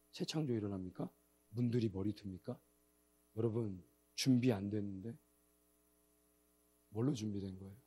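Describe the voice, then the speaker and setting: A male guest missionary preaching a sermon in a church, telling stories with animated swings between quiet asides and loud outbursts. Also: medium pitch, breathy edge. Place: church sanctuary.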